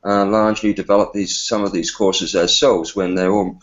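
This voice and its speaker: A man's voice: deep voice, level tone, moderate pace. A man on a committee speaking earnestly in an online meeting, hesitant and restarting often, over muffled call audio. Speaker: committee member. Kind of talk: meeting discussion.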